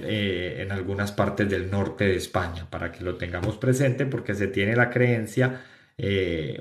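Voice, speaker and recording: A Colombian man with a Colombian Spanish accent teaches an English pronunciation lesson, explaining points and often asking "¿cierto?" to check the class understands. His voice is lowish and the recording sounds roomy.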